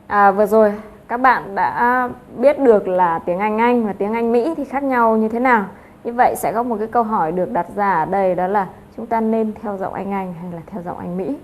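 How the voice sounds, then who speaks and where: A woman's voice: mid-range voice, brisk. A woman teaching an English lesson, explaining step by step with frequent filler sounds.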